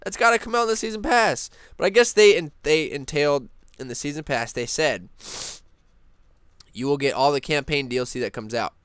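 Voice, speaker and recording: A young man hosting a casual gaming news vlog, rambling excitedly with lots of fillers and restarts. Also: fairly high pitch, a little fast, clean tone, no echo, clean studio sound. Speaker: gaming channel host.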